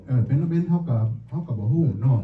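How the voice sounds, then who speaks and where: A man's voice: mid-range voice, lively intonation. Lao-man preaching from far off. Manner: halting, many pauses and fillers, addresses the congregation as brothers and sisters. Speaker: pastor. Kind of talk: sermon. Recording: echoey tinny phone-like sound from far off.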